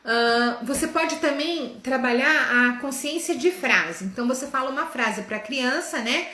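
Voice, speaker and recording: A woman teaching other teachers. She talks in a didactic way, checks in with "né?" and "tá?" throughout, and sounds out letters and syllables slowly in her demonstrations. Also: sits high, bright, forceful tone, echoey room. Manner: didactic, with frequent "né?" and "tá?" check-ins. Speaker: educator. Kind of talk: lesson for teachers.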